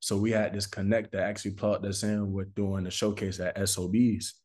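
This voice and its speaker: An American recording artist from Florida chats casually in an interview, informal and slangy, repeating phrases for emphasis. His fairly low, darkish voice has little pitch movement and a brisk pace.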